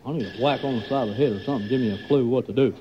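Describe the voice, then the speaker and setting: An actor playing a befuddled small-town sheriff who muses slowly to himself in a radio comedy. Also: male voice, medium pitch, lo-fi sound, background noise, close to an everyday voice. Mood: bemused. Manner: slow, bemused musing.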